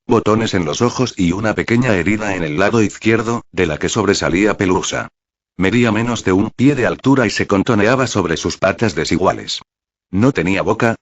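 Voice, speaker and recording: A man narrating a fan fiction story in a steady, even reading voice, in a dull, dry recording. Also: lowish voice, dry recording.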